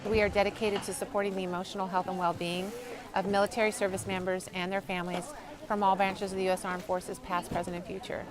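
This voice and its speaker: A woman's voice: mid-range voice, flat delivery, fast talker, loud music behind the voice. A woman foundation founder speaking earnestly in an interview.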